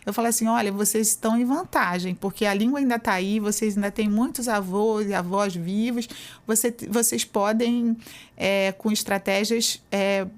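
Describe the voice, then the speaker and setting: Speaking at normal speed in a steady, mid-range voice, this Brazilian Portuguese-accented professor responds to an interviewer as a guest. She explains conversationally, sprinkling in many fillers such as "né."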